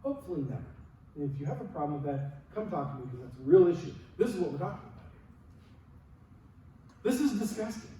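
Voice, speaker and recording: A man preaching a sermon as a pastor, in an energetic, conversational way with rhetorical questions. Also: on the high side, fast, pauses often, slight background noise. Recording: very echoey hall, distant mic.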